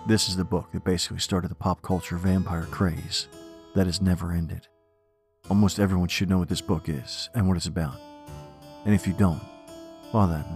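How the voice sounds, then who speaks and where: A man hosting a horror show, delivering scripted narration in a theatrical, deliberate way. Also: low voice, a little mellow. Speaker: horror podcast host.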